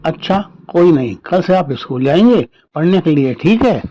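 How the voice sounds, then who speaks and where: A man voicing a kind young working woman who talks gently and coaxingly to a lost child. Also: fairly high pitch, animated, moderate pace, highs cut off. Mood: playful.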